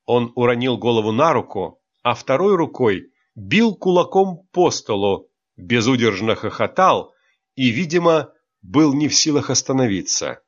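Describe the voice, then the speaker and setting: A male audiobook narrator with a slow, deliberate pace and a lively, theatrical rise and fall. The recording is a little muffled. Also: mid-range voice. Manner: expressive, theatrical reading.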